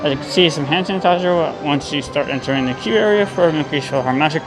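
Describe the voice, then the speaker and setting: A man's voice: on the high side, quick pace, rough recording. A man narrating a casual walk-around theme park vlog. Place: theme park, rides and queues. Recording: music playing clearly in background.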